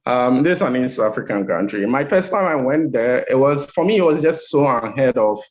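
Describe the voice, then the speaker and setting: A man's voice: medium pitch, lively intonation, normal speed, lo-fi sound. A man answering questions on a panel discussion as a startup founder, thoughtful, with frequent restarts and fillers.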